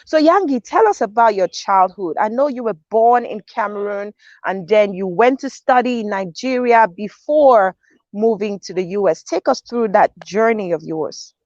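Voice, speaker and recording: A woman's voice: medium pitch, animated, moderate pace, a little mellow, no room sound, dull audio. A woman hosting an online talk show, cheerfully greeting viewers and asking her guest questions. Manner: upbeat, addresses viewers directly. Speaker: show host.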